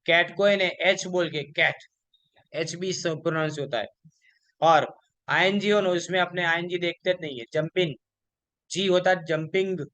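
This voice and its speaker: High, bright-voiced male lecturer. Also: highs cut off. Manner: explains in mixed Hindi and English, asks questions and answers them himself; reads English examples slowly. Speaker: college lecturer. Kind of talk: exam revision lecture.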